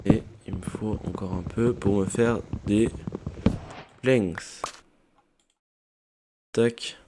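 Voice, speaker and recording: A man's voice: on the low side, fairly even intonation, very slow, heavy background noise. A man casually commenting on his own gameplay in French as a YouTuber, thinking aloud with many fillers, on a poorly set-up mic. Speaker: gaming YouTuber. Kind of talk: casual let's-play commentary.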